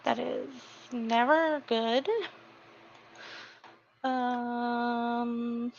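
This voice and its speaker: A woman's voice: on the high side, fairly even intonation, slow pace, long pauses, fairly bright tone, muffled recording. A woman hosting a writing livestream, chatting casually, rambling with fillers and giggles, and sleepy. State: sleepy, yawning. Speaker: livestream host.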